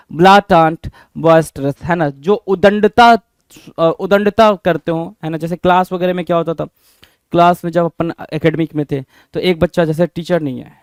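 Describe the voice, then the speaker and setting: High-voiced animated male vocabulary teacher. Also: smooth, dry recording, clean studio sound. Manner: animated, repeats words with quiz-like questions. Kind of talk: Hinglish vocabulary lesson.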